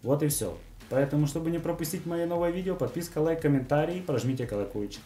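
A young man hosts a phone tips channel, narrating a tutorial for his viewers in an informal way. His voice is a little high, animated and fast, and heavy background noise runs through the recording.

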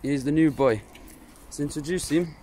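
A man filming at home, talking to his dogs in a coaxing, excitable way and laughing often. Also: on the high side, moderate pace. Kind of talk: casual home video chat. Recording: noisy home video.

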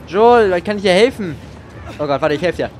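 Man, gaming commentary, sarcastic self-talk, high voice, loud game noise behind. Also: lively intonation, normal speed. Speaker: let's play streamer. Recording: voice over game sounds.

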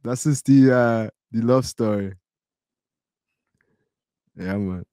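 A man's voice: medium pitch, slow pace, dark tone, no echo, studio quality. A man in his thirties, a livestream host, casually telling personal stories to his chat, acting out quoted dialogue and laughing often. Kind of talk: casual storytelling to a live chat.

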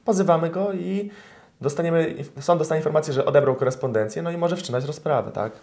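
A man's voice: on the high side, quick pace, a little mellow. A young man, a lawyer, answering interview questions in an explanatory way, with frequent fillers and polite address to viewers.

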